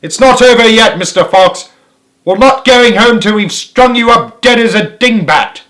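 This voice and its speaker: A man's voice: mid-range voice, normal speed, bright, forceful tone, natural voice. A man reading aloud and voicing a tall, skinny, cruel male farmer. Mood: raging.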